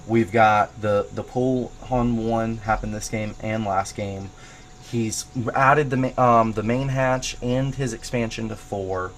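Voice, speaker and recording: A man's voice: mid-range voice, a little hiss or hum. A man hosting a casual commentary on a game replay, thinking aloud as he checks what the player does. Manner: thinks aloud, grows excited at findings. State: has the hiccups. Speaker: host analyzing a match replay.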